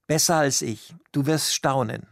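A man voicing a cheerful, teasing husband in a slow read-aloud story. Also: medium pitch, no room sound, studio quality, natural voice. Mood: breezy. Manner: breezy, joking.

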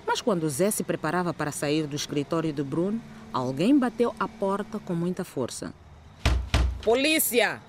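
A woman's voice: low-pitched, expressive, moderate pace, few pauses, darkish tone, slight background noise. A woman narrating a scripted dramatic story as its storyteller.

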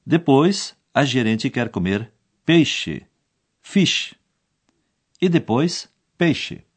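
A man's voice: mid-range voice, lively intonation, slow pace. A man narrating a language course in scripted style, explaining each scene and repeating the key foreign words.

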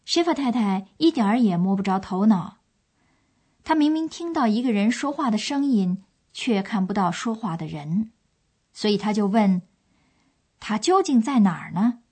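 A woman presenter reads scripted narration for a language course. Her mid-pitched voice explains and retells a story for listeners. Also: lively intonation, moderate pace, warm tone, breathy edge.

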